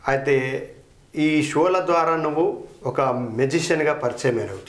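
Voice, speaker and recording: A man's voice: fairly high pitch, normal speed. Middle-aged man, talent show interviewer, encouraging, echoey room. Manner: encouraging, frequent hmm and super. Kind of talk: interview questions.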